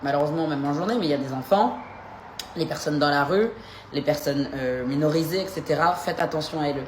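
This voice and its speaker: A woman's voice: sits low, quick pace, darkish tone, slight background noise. A woman content creator giving impassioned, militant commentary to her viewers. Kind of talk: commentary vlog.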